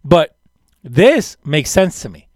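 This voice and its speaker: A man co-hosting a casual wrestling chat, voice pitched a bit high and recorded close and dry. He talks with enthusiasm and rambles through long turns, restarting his sentences. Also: very animated, slow, darkish tone, no echo. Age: older than co-hosts. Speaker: podcast co-host.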